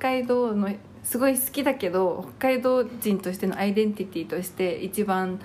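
A woman's voice: medium pitch, normal speed, a little mellow, a little hiss or hum. A woman in her thirties from Hokkaido with a light Hokkaido accent, co-hosting a podcast in rambling, giggly casual chat. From Hokkaido, Japan. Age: 30s. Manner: chatty, giggly, rambling with fillers. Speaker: podcast co-host.

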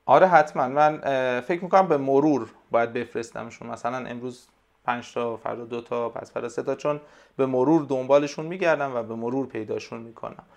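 A man with a gravelly, creaky voice at a middle pitch talks as a guest in a relaxed interview. He is a tutor explaining his work, and he gropes for words with frequent pauses and fillers. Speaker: language tutor, podcast guest. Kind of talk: casual conversational interview.

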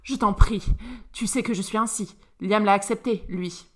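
A woman's voice: medium pitch, fairly even intonation, normal speed, lightly acted. A woman voicing a vain, cold aristocratic mother and violinist, haughty and dismissive, in a storybook reading.

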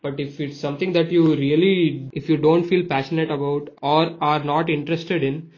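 A man's voice: fairly high pitch, steady tone, moderate pace, a little mellow. A young man with an Indian accent, talking as a podcast co-host in a casual, explanatory way, often rephrasing his points. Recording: slightly dull lo-fi sound.

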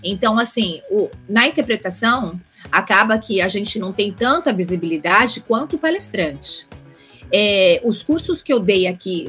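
A woman's voice: medium pitch, a bit bright, slightly rough. A woman with a Brazilian Portuguese accent, a conference interpreter chatting casually as an interview guest, rambling through lists and restarts.

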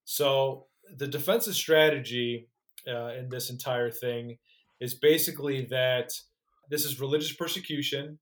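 Podcast cohost guy recapping a story, animated, swears some, mid pitch. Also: unhurried. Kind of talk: casual chat, recapping a documentary.

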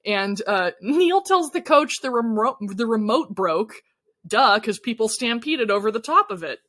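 A woman's voice: on the high side, very animated, a little slow, fairly bright tone. A woman co-hosting a casual podcast, animatedly recapping a TV episode and acting out characters' lines. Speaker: podcast co-host recapping a TV show. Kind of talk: casual chat.

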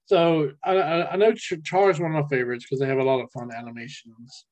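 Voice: medium pitch, fairly even intonation, quick pace, darkish tone. A person chatting casually while gaming, heard over a speakerphone, often trailing off mid-sentence. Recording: dull lo-fi speakerphone sound.

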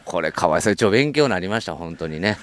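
A man's voice: low-pitched, quick pace. A man with a Kansai accent co-hosting a podcast, telling stories and joking in casual chat on a morning walk outdoors. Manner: animated joking storyteller. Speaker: podcast co-host. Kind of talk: casual chat while walking.

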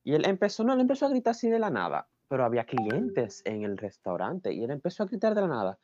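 A man's voice: on the high side, fast, muffled recording, slight background noise. A young man telling a story in casual chat. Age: young adult. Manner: animated storyteller, acts out quotes.

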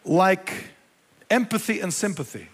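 A man's voice: sits high, expressive, a little slow, long reverb tail. A male pastor preaching a sermon, emphatic and repeating his key phrases.

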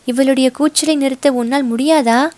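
A woman voicing a calm young prince in disguise, speaking in a measured, restrained way. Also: high voice, no room sound, voice pushed up, close to an everyday voice.

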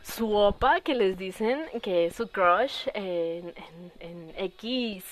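A woman's voice: mid-range voice, animated, slow. A young woman with a Mexican Spanish accent, hosting a podcast in a giggly, gushing casual chat. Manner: gushing and giggly, with frequent laughs. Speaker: podcast host.

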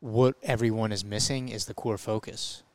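A man's voice: lowish voice, fairly even intonation, normal speed. A man in his thirties, a podcast guest in casual conversation, emphatic and repeating his points for weight. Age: 30s. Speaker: podcast guest, brand co-founder.

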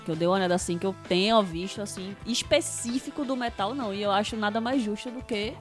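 A woman's voice: mid-range voice, fast, soft background music. A woman joining a casual podcast chat and bantering in a wisecracking way. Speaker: podcast co-host.

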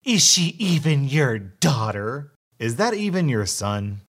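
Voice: medium pitch, very animated, slow. A narrator voicing an indignant, self-righteous middle-aged mother who scolds a stranger in a park. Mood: accusing.

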